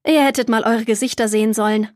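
Kindly old storybook grandfather, warm and teasing, read by a woman; dry booth sound. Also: on the high side, fairly even intonation, fast, no echo, natural voice.

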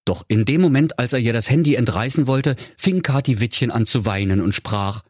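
A man's voice: mid-range voice, brisk, breathy edge, no echo, clean studio sound. A man telling a comic fairy-tale parody in a mock-solemn storyteller tone.

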